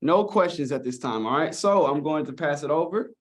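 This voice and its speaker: A man's voice: a little high, lively intonation, fairly quick. A man coaching students on interviews during a live webinar, casual and encouraging, often checking in with "all right?". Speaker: presenter.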